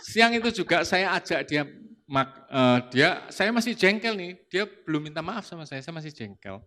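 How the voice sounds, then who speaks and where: A man gives a sermon on marriage, fairly high in pitch for a man. He tells a personal story in a lively, conversational way and gets loud when he quotes his own retorts. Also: moderate pace. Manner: lively anecdotal preaching, rising to loud retorts when quoting himself. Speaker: speaker at a church service on marriage.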